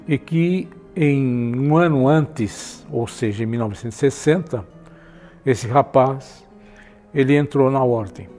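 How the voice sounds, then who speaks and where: An older man, telling a documentary interviewer a lively story and acting out the dialogue. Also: mid-range voice. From Brazil. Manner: animated storyteller, acts out dialogue. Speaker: interviewee recalling the past.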